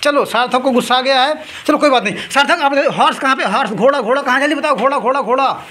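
A woman running a toy-finding game for two children. She keeps up lively play-by-play commentary and rapidly repeats item names to hurry them along. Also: sits high, a little hiss or hum. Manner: scolds and laughs between rounds.

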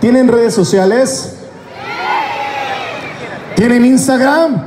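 A man joking with a fan crowd on stage, laughing at his own jokes, through a handheld mic. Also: high-pitched. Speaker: voice actor guest at a fan convention. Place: large indoor convention hall with a crowd. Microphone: handheld mic, filmed from the audience. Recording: echoey hall with loud crowd noise.

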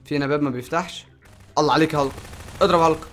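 A young man with an Egyptian Arabic accent hosting a game video, giving excitable commentary, shouting orders and cheering his teammate on. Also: a little high, very fast, a little hiss or hum. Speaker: gaming channel host.

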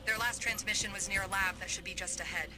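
A man voicing a mission handler in a video game, speaking in a brisk, businesslike way over game music. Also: high-pitched, fairly even intonation, lightly acted. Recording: game audio with music behind.

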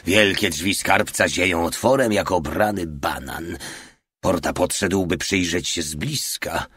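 A man narrating a war novel as an audiobook in a steady, matter-of-fact reading. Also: deep voice, measured pace, breathy edge, no echo.

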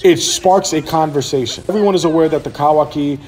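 A man hosts a casual gaming vlog, speaking straight to his viewers. His voice sits a little on the high side, and he talks in an animated, emphatic way, often doubling back and repeating phrases as he goes. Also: a little fast. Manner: animated, emphatic, repeats himself, loose swearing. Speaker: gaming YouTuber.

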